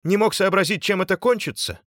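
A man puts on a battered, furious man whose voice jumps up high and loud with strain. He groans and hisses threats through his pain. It is an audiobook voice, close and dry. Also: brisk, dry recording.

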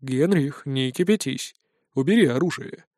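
A man's voice: mid-range voice, animated, slightly rough, dry recording, clean studio sound, pitched below the performer's own voice. A man voicing a cautious, placating father. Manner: soft, coaxing, measured.

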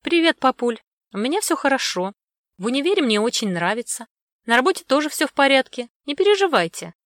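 A woman's voice: fairly high pitch, very animated, normal speed, a bit bright, dry recording. A cheerful young woman student, as a woman narrator voices her in a spoken story, talking up to her family eager and raised. The sound is dry and near. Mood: upbeat.

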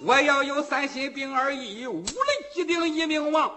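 A man's voice: very high-pitched, moderate pace, sharp tone, a little hiss or hum, voice pushed up. A man doing Wu Song, a bold young hero. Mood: commanding. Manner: blunt, commanding rhythmic lines. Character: bold young male hero, commanding and proud.

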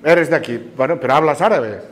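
A man's voice: a little high, a little fast. A man with a Canarian Spanish accent, teaching a group of listeners and quizzing them with patient questions. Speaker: teacher giving a talk to students. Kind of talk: classroom talk on word origins. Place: large room with an audience. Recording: lively audience noise around the speaker. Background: crowd of listeners.

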